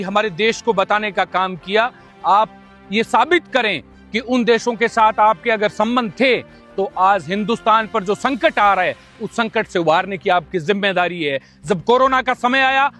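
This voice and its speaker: A man from the Bikaner area of Rajasthan giving an impassioned political video statement in a forceful, declamatory, accusatory way. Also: sits high. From Bikaner area, Rajasthan, India. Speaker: local political activist.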